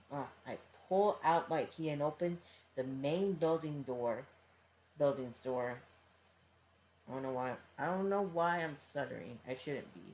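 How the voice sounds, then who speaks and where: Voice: mid-range voice, darkish tone. A fan reading a first-person fanfiction aloud in a casual style, often tripping over words and breaking off for offhand asides. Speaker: fanfiction reader. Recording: roomy with faint background noise.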